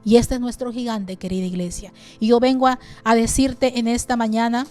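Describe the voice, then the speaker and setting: A woman's voice: on the high side, steady tone, fairly quick, a little mellow, soft background music. A woman pastor, preaching an earnest sermon and reading scripture aloud with rising force. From Peru.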